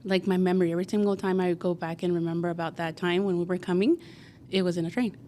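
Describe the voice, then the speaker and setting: Telling her story as a podcast guest, a Guatemalan cleaning company founder in her forties talks fast with a warm, steady voice on the low side. The interview is casual and she's chatty, using plenty of "like" and "you know," over slight background noise.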